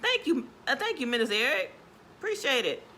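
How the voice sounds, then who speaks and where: A woman's voice: sits high, very animated, a little fast, bright, forceful tone, a little hiss or hum. A woman giving an earnest, casual motivational talk on a live stream. She often asks viewers "right?" and greets them by name between points. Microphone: phone or webcam for a social media live video.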